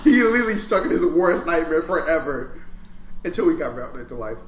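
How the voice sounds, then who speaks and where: A young man chatting casually about cartoons in an excitable, slangy frat-bro way, calling people "bro" a lot. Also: on the high side, fairly quick, slight background noise. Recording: roomy, echoing sound.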